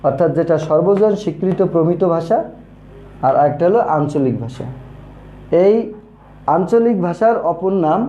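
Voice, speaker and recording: Man, grammar teacher, slow repeating delivery, roomy echo, faint background hiss. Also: a little high, dark tone, highs cut off. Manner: slow and repetitive, says key terms twice. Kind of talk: online grammar lesson, writing on a board. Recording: echoey room with faint noise.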